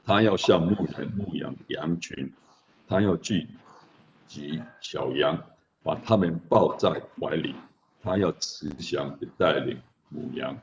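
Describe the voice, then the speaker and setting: A man, serving as a church elder, reads scripture aloud in a measured, declamatory way. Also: a bass voice, gravelly. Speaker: church elder leading worship. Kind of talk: scripture reading. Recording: dull lo-fi recording with faint noise.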